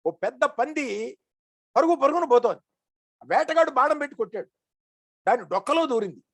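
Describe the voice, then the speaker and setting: A woman giving a devotional discourse. She tells old stories with animation, chants Sanskrit verses slowly and then explains them. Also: high voice, lively intonation, dry recording. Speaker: religious storyteller.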